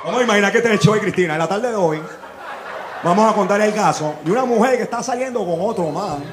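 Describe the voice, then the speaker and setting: A Venezuelan man doing stand-up comedy, telling a crude story in an animated way and acting out the people in it. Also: high-pitched, fast, background noise. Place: live comedy venue with audience.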